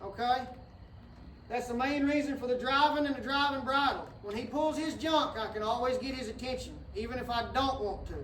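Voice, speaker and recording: A man's voice: very high-pitched, fairly quick, a bit bright, slight background noise. A man, a horse trainer explaining his work while riding in an outdoor round pen, in a drawling, folksy way. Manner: drawling, folksy, preachy asides, soothing whoas to the horse. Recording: distant echoey outdoor recording.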